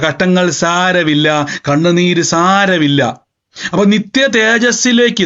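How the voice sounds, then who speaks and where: A male pastor reads scripture during a sermon, putting rhetorical question after rhetorical question to his congregation. His voice sits high for a man and is a bit bright, in a dull, lo-fi recording.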